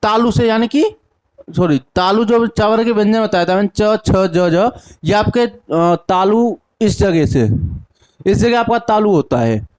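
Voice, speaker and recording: A young man teaching a lesson with a north Indian Hindi accent. He asks each question, answers it himself, repeats the answer, and sounds out syllables slowly one by one. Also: high-pitched, a little mellow. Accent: Hindi-speaking north Indian. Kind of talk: classroom lesson with call-and-response drills.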